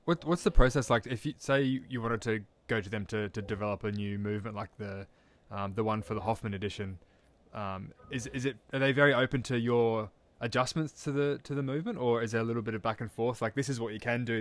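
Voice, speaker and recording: A man's voice: mid-range voice, steady tone, fast, hardly any pauses. An Australian man with an Australian accent, hosting a casual interview and keeping it going with short, attentive responses. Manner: attentive, frequent short backchannels. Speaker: podcast host.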